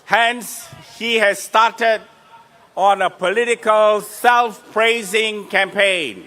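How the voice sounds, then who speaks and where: Singaporean male rally speaker, high forceful voice, emphatic short phrases, noisy outdoor political speech. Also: slow.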